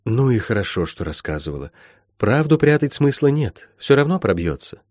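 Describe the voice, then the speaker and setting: A man's voice: medium pitch, very animated, moderate pace, darkish tone, dry recording, studio quality, close to an everyday voice. Man voicing a stern folksy sorceress. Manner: stern, old-fashioned folksy speech. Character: stern middle-aged woman healer, folksy sorceress. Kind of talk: audiobook character voice.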